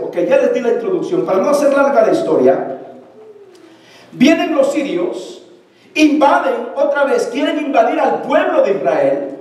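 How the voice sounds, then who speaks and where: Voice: medium pitch, darkish tone. A preacher retelling a scripture story in a sermon, often turning to the congregation with questions. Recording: echoey church hall from far off.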